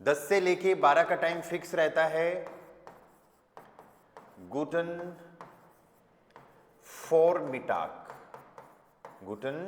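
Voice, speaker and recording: A man teaching a language class, explaining slowly and patiently and often checking that students follow. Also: on the high side. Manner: slow, patient explaining with frequent check-ins. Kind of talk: classroom lesson. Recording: echoey hall with long reverb.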